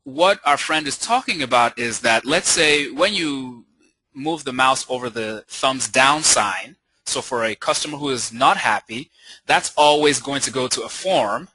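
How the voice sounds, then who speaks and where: Guy running a webinar, bright voice, dry sound, explains stuff upbeat. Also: mid-range voice, dry recording, low-quality recording. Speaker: webinar presenter. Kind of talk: casual webinar presentation.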